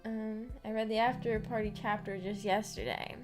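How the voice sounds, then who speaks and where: A woman hosts a casual livestream book club about a visual novel, chatting informally with viewers in a giggly, rambling manner full of false starts. Her medium-pitched voice is flat and moves at normal speed, with music playing in the background.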